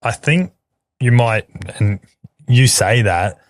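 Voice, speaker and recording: A man's voice: medium pitch, animated, slow, no room sound. A laid-back Australian man in casual podcast chat, blunt and swearing freely. His voice sits in an ordinary middle range. The recording is dry and close, with no room sound. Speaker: podcast host.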